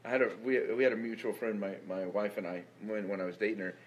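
A man talking quickly and energetically in a casual conversation, telling anecdotes with many restarts. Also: lowish voice, a little hiss or hum, rough recording.

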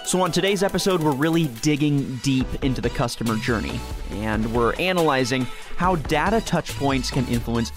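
Stuffy-nosed male podcast host. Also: mid-range voice. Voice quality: nasal, stuffy nose. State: congested from allergies. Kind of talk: scripted intro and interview on a branded podcast.

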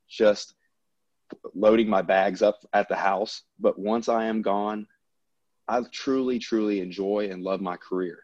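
A man's voice: on the low side, a little mellow, dry recording, muffled recording. A man from Louisiana, an airline pilot talking in an easygoing, upbeat interview chat. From Louisiana, US South.

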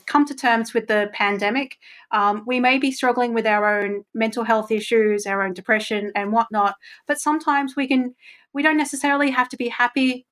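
A woman's voice: a little high, a bit bright. A woman speaking as a podcast guest, talking openly and thoughtfully with frequent ums. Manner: open, reflective, with frequent ums. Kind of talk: casual interview chat.

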